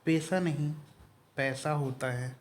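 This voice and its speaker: Guy teaching hindi spelling for exams, kinda high voice, goes slow letter by letter. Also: steady tone. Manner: slow, explains each word letter by letter. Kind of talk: exam-prep spelling lesson.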